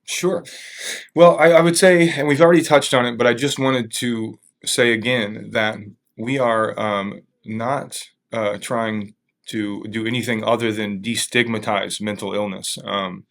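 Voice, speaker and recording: Hesitant, lower-voiced man being interviewed. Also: steady tone, unhurried, vocal fry, a bit bright. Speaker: museum staff member being interviewed. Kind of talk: thoughtful interview conversation.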